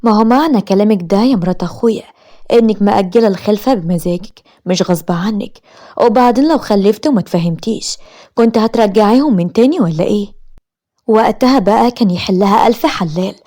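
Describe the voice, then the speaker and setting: A woman plays a spiteful, sharp-tongued sister-in-law with an Egyptian accent in a narrated story. She fires off her taunts quickly and scornfully. Her voice stays dark and mellow. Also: medium pitch, close to an everyday voice. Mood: mocking. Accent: Egyptian Arabic.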